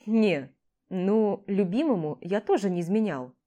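A woman's voice: mid-range voice, expressive, unhurried, dark tone, close to an everyday voice. Woman reading a cocky, teasing young man. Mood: earnest. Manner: playful, provocative banter. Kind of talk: audiobook character reading.

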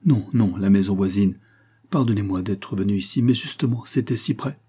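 A man's voice: on the low side, normal speed, warm tone, breathy edge. A man reading the part of a tearful widowed mother of about forty, who pleads and breaks off in sobs, in an audiobook. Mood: tearful pleading.

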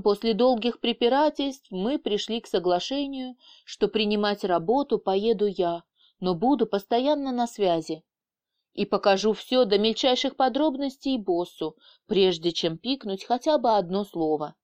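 A woman reading an audiobook in the first person, with a lively, sardonic storytelling manner. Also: mid-range voice, moderate pace, smooth. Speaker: audiobook narrator.

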